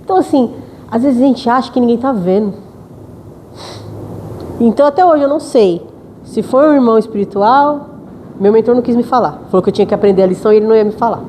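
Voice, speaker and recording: Woman, Brazilian accent, spiritist lecturer, rapid emotional storytelling, soft mellow tone. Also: a little high, slight background noise, rough recording. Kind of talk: personal storytelling talk.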